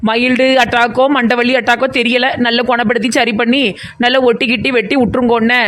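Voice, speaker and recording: A woman voices a chatty, nosy village woman in a cartoon comedy, using a southern Tamil Nadu accent from the Kanyakumari–Tirunelveli area. She chatters nonstop, rambling and teasing, in a natural, slightly high, fairly bright voice that talks fast and barely moves in pitch.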